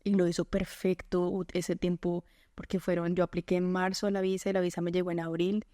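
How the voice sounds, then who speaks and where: A Colombian woman tells her personal faith testimony as a podcast guest, earnest and quick to laugh, often quoting her own words. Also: lowish voice, little pitch movement, mellow, no room sound, studio quality. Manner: earnest storytelling, quick to laugh, quotes herself and God.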